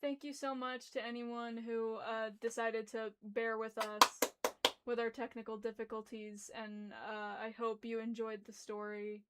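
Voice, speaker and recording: A young adult woman hosts a livestream where she reads a story and chats informally. Unhurried and level in tone, her fairly high voice is clean and a bit bright. She speaks through a locked jaw, muffling her articulation slightly, and sounds hesitant and apologetic.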